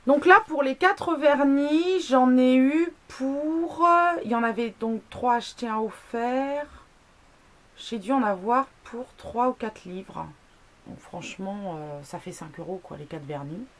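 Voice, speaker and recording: A woman's voice: a little high, expressive, measured pace, fairly bright tone. A woman vlogging a casual product review, chatty, with many fillers, asides and self-mocking jokes. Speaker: beauty blogger.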